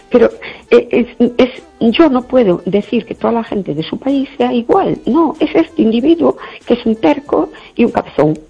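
An older woman chatting casually, telling stories in an outspoken, indignant way and often clearing her throat. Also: on the high side, animated, normal speed, few pauses. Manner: outspoken, indignant, acts out quoted dialogue. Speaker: guest in a conversation. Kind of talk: casual chat, storytelling. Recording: dull lo-fi recording, faint music behind.

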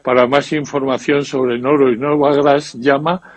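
A man speaking as a doctor in a scripted infomercial pitch for radio. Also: level tone, moderate pace, no echo. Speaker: doctor promoting supplements.

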